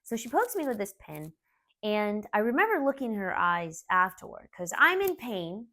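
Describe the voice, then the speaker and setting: A woman in her forties from Laos, a martial arts school owner, telling a personal story in an earnest, candid, soft-spoken way. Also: mid-range voice, very animated, normal speed.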